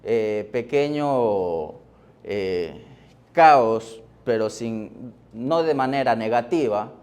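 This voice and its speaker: A man preaching a sermon as pastor, deliberate, with pauses and fillers, rising in force on key words. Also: mid-range voice, lively intonation, a little mellow, clear, resonant tone. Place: church.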